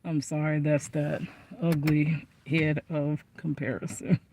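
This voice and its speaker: A woman's voice: sits low, flat delivery, slow pace, mellow, a little hiss or hum. A woman chatting animatedly to camera from inside her car, telling a story with lots of asides. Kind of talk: casual storytime.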